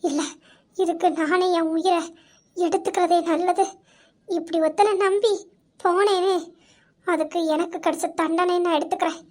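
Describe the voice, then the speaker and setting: A woman voicing a young woman in an amateur audio drama, halting and self-blaming in her grief. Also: very high-pitched, fairly even intonation, darkish tone. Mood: despairing. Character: young woman, ashamed and despairing after betrayal.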